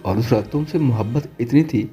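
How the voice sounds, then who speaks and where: A man's voice: mid-range voice, warm tone, soft background music, close to an everyday voice. A man reading an audio novel, voicing an obsessive, threatening young man in a harsh manner. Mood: bitter.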